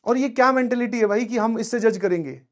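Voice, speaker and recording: A man with a fairly high voice talks to his students like a coaching teacher. He tells a story with lots of animation and keeps checking that they follow along. It sounds like an ordinary motivational class talk. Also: fairly quick. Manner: animated storytelling, addresses students directly with frequent "samajh mein aaya?".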